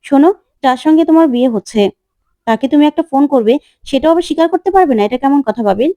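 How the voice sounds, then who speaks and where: A resigned young bride-to-be with a quiet, pleading way of talking, put on by a woman narrating. The voice sits high and mellow. It is recorded close and dry. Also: lively intonation, racing, no room sound. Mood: pointed.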